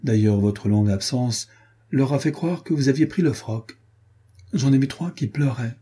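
A man's voice: medium pitch, moderate pace, warm tone, husky, voice pushed up, close to an everyday voice. A man reading an audiobook voices an ironic, teasing young nobleman and swordsman.

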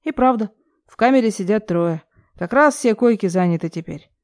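A woman narrating a first-person novel in a measured, even reading. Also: mid-range voice, no echo, studio quality. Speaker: audiobook narrator.

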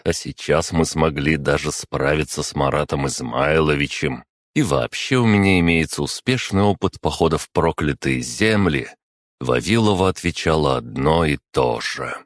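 A man narrating a first-person story in a calm, even storytelling manner. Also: extremely low pitch, dry recording. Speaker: audiobook narrator.

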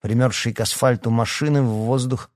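A man reading a fantasy novel aloud in a measured, expressive way. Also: medium pitch, dry recording, studio quality. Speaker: audiobook narrator. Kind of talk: scripted narration.

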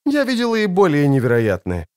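A man voicing a defiant, sharp-tongued teenage girl, pushing his voice up into a strained girlish pitch for an audiobook. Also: huge pitch swings, a little fast, smooth. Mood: wry. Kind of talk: audiobook character voice.

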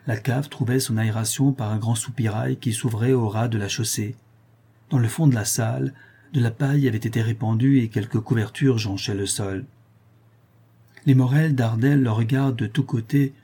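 A man narrating a historical novel in a steady, even reading. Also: mid-range voice, husky. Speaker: audiobook narrator.

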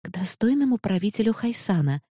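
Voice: medium pitch, lively intonation, a little fast, mellow, slightly rough, no room sound, pitched above the performer's own voice. A reader voicing a brave young woman who stands up firmly to armed guards, in a dry, close recording. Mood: urgent. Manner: firm, imploring. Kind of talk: audiobook character voice.

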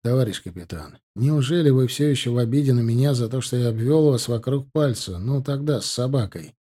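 A man's voice: mid-range voice, animated, brisk, warm tone, slightly rough. A man voicing a young border-guard soldier who talks in a cold, composed, pointed way.

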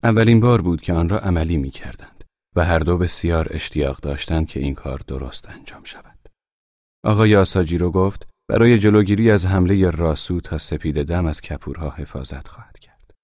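Low-voiced man narrating an audiobook. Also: no echo, studio quality. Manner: calm, measured, soft-spoken reading. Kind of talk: scripted narration.

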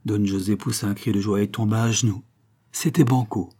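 A male audiobook narrator reads a novel in a measured, dramatic way. His voice is low and dark, with a slightly husky edge. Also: fairly even intonation. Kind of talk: scripted narration.

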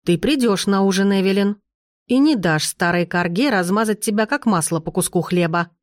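A woman voicing an imperious, sharp-tongued old duchess grandmother in an audiobook, in a commanding, dry manner. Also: medium pitch, moderate pace, dry recording, lightly acted. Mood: stern. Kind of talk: audiobook character reading.

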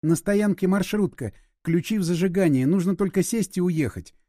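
Man reading a gruff male stranger, terse and commanding, storybook voice. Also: sits high, moderate pace, dark tone, no room sound, clean studio sound. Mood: grim. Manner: terse, barking orders.

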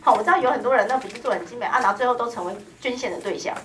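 A woman's voice: on the high side, racing, distant mic, slight background noise. A woman lecturing a law exam prep class in a chatty, teasing way, recorded in a classroom. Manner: chatty, teasing, lively, peppers speech with "hao" and "ha".

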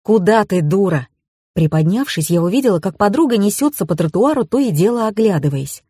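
A woman narrating a first-person audiobook in a lively, ironic storytelling manner. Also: medium pitch, quick pace, husky, dry recording, studio quality.

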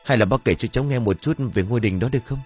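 A man's voice: mid-range voice, racing, slightly rough, soft background music, voice pushed up, lightly acted. A man voicing a scheming young thief who talks in an eager, ingratiating way, in an audiobook. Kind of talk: audiobook character voice.

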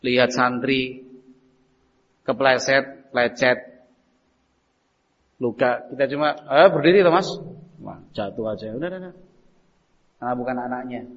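Animated preacher in an echoey mosque. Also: male voice, medium pitch, unhurried, pauses often. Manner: animated storytelling, acting out everyday dialogues. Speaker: Islamic preacher. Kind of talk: sermon. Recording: dull, echoey mosque recording.

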